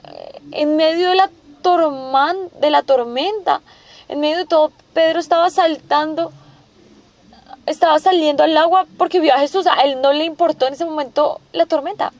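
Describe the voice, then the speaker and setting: High-voiced woman preaching a sermon. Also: moderate pace, darkish tone, dull audio. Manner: asks the listeners rhetorical questions; restates each point several times.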